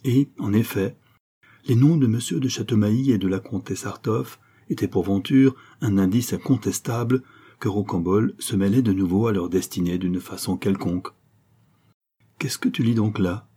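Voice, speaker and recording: A man narrating a novel in a steady, measured way. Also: fairly low pitch, slightly rough. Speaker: audiobook narrator. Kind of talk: reading a novel aloud.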